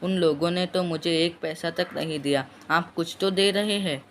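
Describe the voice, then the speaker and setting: A man reading aloud as a timid young female servant who speaks slowly and tremblingly. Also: on the high side, fairly even intonation, a little hiss or hum. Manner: slow, soft, trembling delivery.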